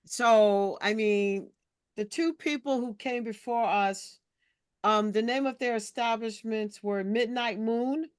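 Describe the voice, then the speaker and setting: A woman's voice: fairly high pitch, takes it slowly, clear, resonant tone, no room sound, studio quality. A woman leading a community board committee meeting over a video call, recapping matter-of-factly in a loose, conversational way.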